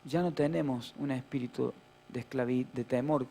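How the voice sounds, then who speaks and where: A man's voice: mid-range voice, fairly even intonation, moderate pace, vocal fry, mellow, a little hiss or hum. A middle-aged man with a Rioplatense Spanish accent, preaching a sermon as pastor and telling a childhood story with playful humor and acted-out voices.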